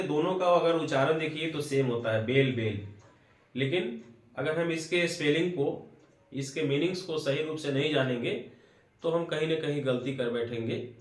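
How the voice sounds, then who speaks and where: A man giving a spoken English grammar lesson, who spells words out letter by letter, repeats terms and corrects himself. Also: mid-range voice. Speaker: English teacher. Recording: roomy echo, voice from far off.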